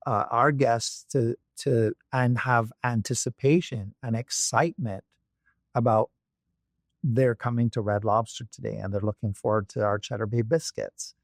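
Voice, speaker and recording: A Barbadian company executive, interviewed as a guest, speaks at a measured pace in a medium-pitched voice with some vocal fry. He's reflective but often restarts and uses fillers, and the studio sound is clean and dry.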